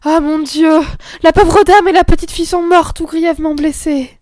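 A woman's voice: fairly high pitch, steady tone, quick pace, dark tone, no echo, studio quality, lightly acted. A woman voicing a caring governess who warns the children protectively. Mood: anxious. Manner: cautioning, protective. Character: kindly governess, anxious and caring.

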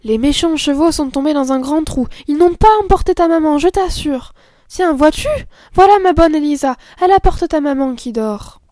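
Woman reader as a brave young girl, earnest, high voice; storybook. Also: moderate pace, mellow, dry recording, studio quality, close to an everyday voice. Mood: soothing. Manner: eager and earnest.

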